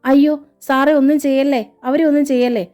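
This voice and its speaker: A woman's voice: high-pitched, fairly even intonation, normal speed, warm tone, voice pushed up, lightly acted. A woman voicing a desperate young woman who begs officers to spare her family, read from a novel. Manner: begging, tearful urgency.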